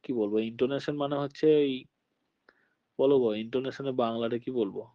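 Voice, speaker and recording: A man's voice: mid-range voice, steady tone, moderate pace, dry recording, dull audio. A male teacher from Birbhum giving a patient classroom lecture, often checking that his students follow. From Birbhum, West Bengal.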